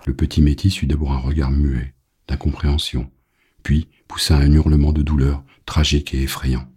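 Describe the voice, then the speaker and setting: A male audiobook narrator with an extremely deep, dark voice. He reads in a grave, measured way, letting each phrase land. The tone stays mellow and low throughout. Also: level tone, slightly rough.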